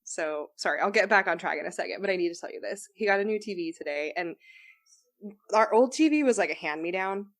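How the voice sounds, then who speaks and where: A young woman co-hosting a chatty podcast, her talk rambling and loose, full of fillers and quick giggles. Her voice sits at an ordinary middle pitch. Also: expressive. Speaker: podcast co-host. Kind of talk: casual chat.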